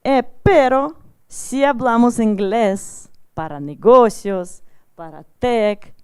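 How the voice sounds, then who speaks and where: Woman, conference speaker, mellow voice, smooth and clear, checks in with the audience. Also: a little high, slow. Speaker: speaker giving a talk on English for job interviews. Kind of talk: live conference talk to an audience.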